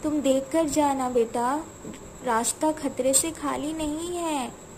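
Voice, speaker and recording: A woman's voice: sits high, steady tone, slow pace, a little mellow, slight background noise, rough recording. A woman voicing an anxious, caring mother in a doll cartoon, cautioning and fretful.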